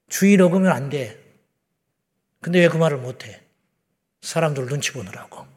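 A middle-aged man preaches with a notably high voice, talking bluntly and conversationally as he keeps throwing rhetorical questions at the congregation. His words ring out with the long reverb of a big church sanctuary, and he often sinks into low, hushed asides. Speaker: pastor. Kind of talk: sermon.

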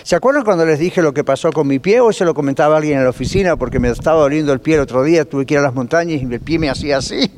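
Man, pastor, Bible class teaching, lively rhetorical questions, fairly high pitch, long church-hall reverb. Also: very fast, few pauses. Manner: lively, asks the class rhetorical questions, drops in English phrases.

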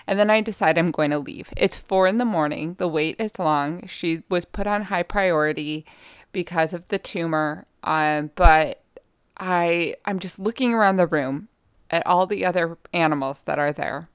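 A woman's voice: on the low side, normal speed, clean tone, dry recording, studio quality. A young woman hosting her own podcast from home, talking frankly and profanely in a rambling way, with lots of fillers. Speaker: podcast host. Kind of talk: candid solo podcast monologue. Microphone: podcast microphone.

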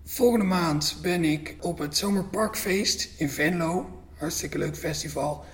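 A man hosting a poetry podcast, chatty and relaxed with a self-mocking way of talking. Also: a little high, unhurried. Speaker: podcast host. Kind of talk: casual podcast interview and outro.

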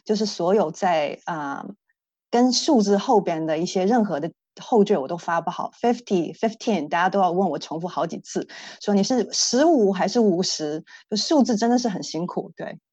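A woman's voice: lowish voice, expressive, normal speed, a little mellow, breathy edge, no echo. A woman speech therapist, a native Chinese speaker, giving an earnest, explanatory online lecture with frequent hesitations. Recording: dull, dry lo-fi sound.

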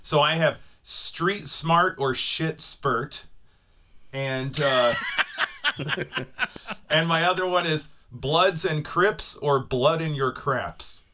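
A man's voice: a little high, extremely slow, background noise. A man co-hosting a podcast with casual comic banter. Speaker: podcast co-host, comedy writer.

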